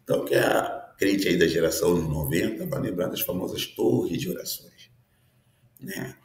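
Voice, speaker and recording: This pastor, in his fifties, teaches prophecy with earnest conviction and regularly tosses tag questions to his listeners. His low voice is expressive and darkish in tone, moving at a normal speed, with reverberation around it.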